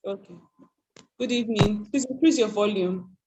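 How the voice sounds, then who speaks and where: A woman's voice: medium pitch, moderate pace, heavy background noise. A woman moderates an online meeting, politely thanking speakers and calling on the next. Her voice sits mid-range and comes through a video call. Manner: courteous, directive.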